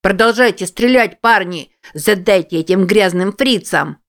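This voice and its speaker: A woman voicing a brash, defiant young boy who leads a gang of kids, shouting and taunting in an audiobook. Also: medium pitch, a little slow, close to an everyday voice.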